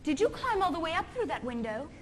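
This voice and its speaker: Girl playing a sweet cheery governess in a school musical, really high voice that bounces all over, band playing behind. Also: big pitch swings, quick pace, a little hiss or hum. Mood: gentle. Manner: soft and soothing in speech, bright yodeling in song. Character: kind young woman governess, gentle and cheerful. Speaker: stage musical actor. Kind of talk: stage musical acting and singing.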